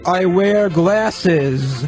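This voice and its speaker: A man's voice: high-pitched, extremely slow, music in the background. Man in a disguised voice, radio guest. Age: 20s. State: speaking in a put-on disguised voice. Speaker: mystery guest on a radio show.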